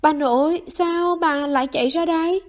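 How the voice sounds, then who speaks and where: A woman's voice: sits high, normal speed, pitched above the performer's own voice, natural voice. A woman voicing a flustered teenage boy who pleads in a raised voice in a story reading. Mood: pleading.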